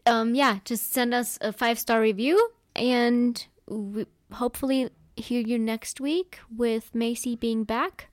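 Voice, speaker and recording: A woman's voice: on the high side, fairly even intonation, a little slow, hardly any pauses, no room sound, clean studio sound. Chatty young woman hosting a podcast. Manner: chatty, giggly, trails off. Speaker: podcast host. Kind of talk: casual chat.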